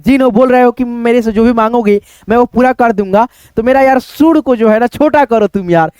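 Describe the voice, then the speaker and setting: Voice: mid-range voice, brisk, a little mellow, clear, resonant tone, dry recording, natural voice. A teacher voicing a fed-up elephant pleading with a genie in a storybook, casual and informal.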